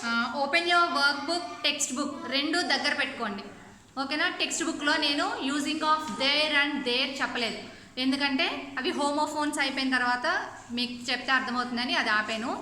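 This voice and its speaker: A woman teacher with a Telugu accent leads an online English lesson for young children. Her voice is high and bright, and she stretches her English out slowly and carefully, sometimes spelling words letter by letter. The room around her is noticeably echoey. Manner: slow deliberate English, quicker Telugu explanations.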